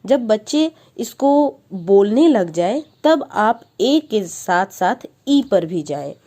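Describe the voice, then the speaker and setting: A woman's voice: mid-range voice, very animated, slow, warm tone. A woman teacher, patiently explaining a phonics lesson for parents and sounding out letters.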